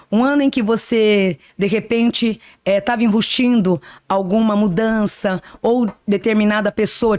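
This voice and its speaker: Speaking as a podcast guest, a fifty-something psychic talks in a sincere, contemplative, spiritual way and often says "né." Her voice is mid-range and darkish, recorded dry with clean studio sound.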